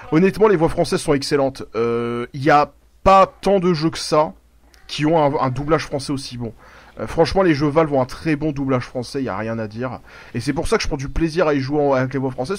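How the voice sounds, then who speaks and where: A man narrating his own gameplay in a casual, rambling way, his voice sitting a little high. He swears freely and breaks off mid-sentence whenever something happens in the game. The talk runs on loosely, like chatting with viewers over a desk mic. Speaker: gaming YouTuber. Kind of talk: live gameplay commentary.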